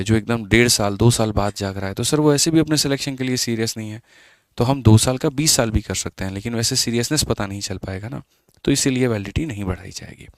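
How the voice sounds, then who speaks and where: A man's voice: lowish voice, gravelly, no room sound. A man teaching maths in a live online exam-prep class, chatty and scolding his students, mixing English terms into his talk.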